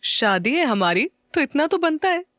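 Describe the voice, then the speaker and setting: A woman voicing a chirpy young bride, playful and teasing, higher and lighter, dry close recording. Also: sing-song, normal speed, a bit bright, no echo.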